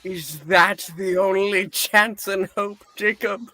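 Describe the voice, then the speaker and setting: A frightened old miser from a comic radio play, acted out by a man. The voice is high and sharp, pleading and flustered, and it takes its time, repeating itself theatrically. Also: steady tone, slow pace, heavily acted. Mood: afraid, wheedling.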